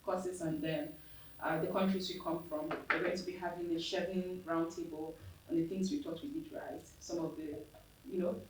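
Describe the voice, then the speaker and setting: A young woman from Nigeria leads a casual roundtable in a slightly low voice and speaks easily, with small fillers. She is heard from a distance in a very echoey room. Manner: relaxed, conversational, with fillers. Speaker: roundtable moderator. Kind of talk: casual panel discussion. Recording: roomy, distant, faint background noise.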